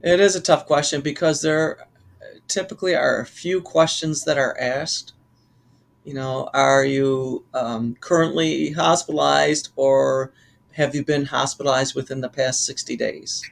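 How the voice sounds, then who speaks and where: A man co-hosting a casual podcast, explaining insurance with halting restarts. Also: medium pitch, steady tone, vocal fry. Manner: hesitant, restarts while explaining. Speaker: insurance professional co-host. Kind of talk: casual chat.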